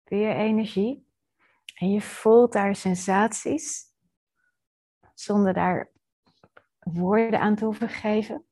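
A woman leading a guided body-scan meditation as a teacher, gently and soothingly with pauses, in a slightly husky, breathy voice. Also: medium pitch, fairly even intonation.

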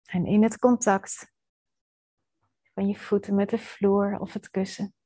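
Here a woman guides a body-scan meditation in the role of teacher, her slightly husky, breathy voice held at a medium pitch and a level tone. She speaks softly and calmingly, pausing between phrases.

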